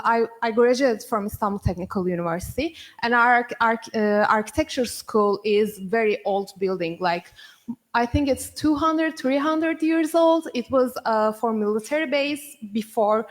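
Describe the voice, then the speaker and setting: A young woman, an audience member at a conference asking a long question, halting and searching for words. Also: a little high. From Turkey. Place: conference hall.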